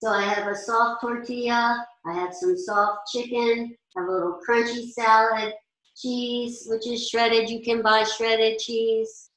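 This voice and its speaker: The older chef, in her sixties, speaks at a measured pace in a fairly high, somewhat bright voice. Standing at the boards and gesturing, she walks the class through meal planning in a practical, chatty manner, with the echo of a large indoor commercial kitchen around her.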